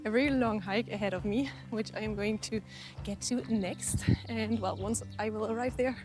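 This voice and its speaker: A woman's voice: mid-range voice, normal speed. A young woman with a way of talking, chatting eagerly to the camera while hiking outdoors, a little out of breath. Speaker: travel vlogger. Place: outdoors on a mountain hike.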